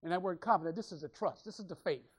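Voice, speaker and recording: A woman's voice: lowish voice, fast talker, slightly rough. Emphatic woman preacher. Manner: repetitive, emphatic preaching with call-and-response. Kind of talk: sermon.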